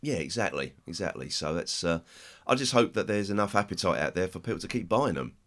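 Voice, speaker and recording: British male podcast host, low and croaky with a chesty cold, casual and rambling. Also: animated, fairly bright tone. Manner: halting, rambling delivery. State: chest infection, hoarse with a cold.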